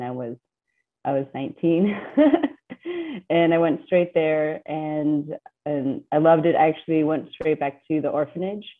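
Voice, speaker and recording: A deep-voiced woman in her thirties, from the Philippines but raised in the US, gives casual interview answers as a guest over a video call from a home office with bookshelves. She's chatty, laughs often, and uses many fillers and restarts, with tinny, phone-like webcam audio.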